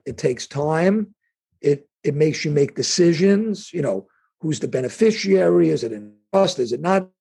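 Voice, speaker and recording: A middle-aged man with a New York accent, talking as an interview guest. His voice is gravelly and a touch husky, pitched somewhat high, and it keeps stumbling and restarting as he works toward each point. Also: expressive, dark tone. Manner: halting restarts, conversational, acts out imagined speakers. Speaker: insurance and wealth planning executive, guest. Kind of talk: interview answers.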